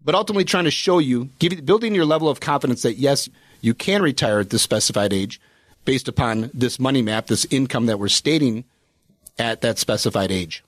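A man's voice: medium pitch, a little fast, dry recording. A man, a financial advisor on a radio talk show, explaining retirement planning in a casual, explanatory way with many fillers.

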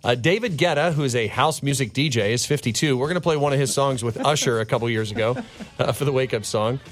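A man's voice: medium pitch, fast. An American man working as a morning show host, with casual, upbeat radio banter. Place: radio studio.

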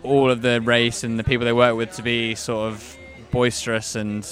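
A man's voice: medium pitch, flat delivery, moderate pace, a bit bright, faint music behind. A man co-hosting a casual podcast, telling stories in a dry, joking way. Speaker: podcast co-host.

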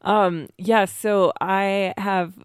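A woman's voice: mid-range voice, fairly even intonation, extremely slow, smooth, no room sound, studio quality. A woman in her thirties co-hosting a casual podcast, rambling and giggly with lots of fillers, sounding tired. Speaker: podcast co-host. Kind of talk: casual chat. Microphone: close studio mic.

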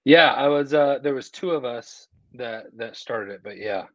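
A man with a mid-range, fairly bright voice tells a casual anecdote at a moderate pace as a guest comedian on a podcast. He speaks conversationally over a video call from an indoor hallway and quotes other people's dialogue. The sound is echoey, dull, and muffled.

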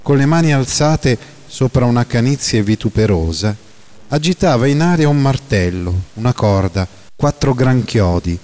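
A man narrating a classic novel in a measured, dramatic reading that slows down for emphasis. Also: medium pitch, a little mellow.

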